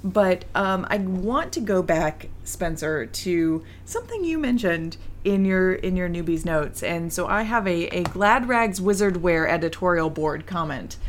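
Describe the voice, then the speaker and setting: This is a woman with a somewhat low voice, co-hosting a relaxed podcast. Her talk meanders thoughtfully and is broken by light giggles, with a faint hiss of noise behind her. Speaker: podcast co-host. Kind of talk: casual podcast chat.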